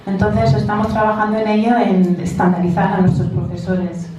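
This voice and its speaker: A woman's voice: mid-range voice, completely flat delivery, moderate pace, warm tone, lo-fi sound. Echoey, distant woman with English-accented Spanish. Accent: English-speaking, non-native Spanish. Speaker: English teacher presenting at a conference. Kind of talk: informal conference presentation. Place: large echoey indoor room. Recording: very echoey room, distant mic, faint noise.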